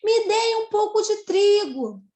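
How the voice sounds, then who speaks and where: A woman's voice: very high-pitched, big pitch swings, slow, roomy sound, voice pushed up, full character voice. A woman doing a desperate, starving cicada. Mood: pleading. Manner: pleading, emphatic, raised voice. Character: starving, desperate female cicada begging for food.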